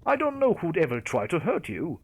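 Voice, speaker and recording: A man's voice: on the high side, wildly swooping pitch, fairly quick, husky, heavily acted. A man voicing a guarded, dryly sarcastic young man in a creepypasta narration. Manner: evasive, dry, sarcastic. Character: guarded young man hiding a dark secret.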